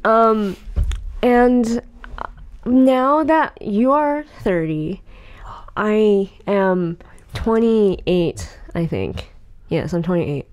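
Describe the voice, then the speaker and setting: This late-twenties podcast co-host chats casually and rambles, heavy on fillers and restarts. Her mid-range voice is sing-song and smooth with a darkish tone, and she draws out her words.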